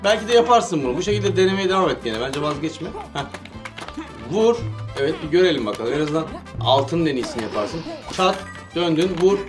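High-voiced man cheering on gameplay. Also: lively intonation. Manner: eager coaching, rapid cheering commands; playful, laughs often. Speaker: gaming channel host. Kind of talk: casual gameplay commentary. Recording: game music playing loudly behind.

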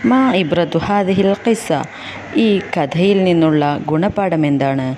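Unhurried online-class teacher, plain mid voice, explains each phrase, noisy recording. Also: mid-range voice, darkish tone. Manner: reads text lines, then translates phrase by phrase.

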